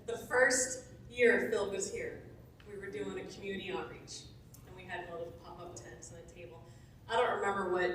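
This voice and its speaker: A woman in her forties, chatty and laughing often, telling a warm testimonial story to a church. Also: medium pitch, a little hiss or hum. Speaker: former church member giving a testimonial. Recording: echoey room from far off.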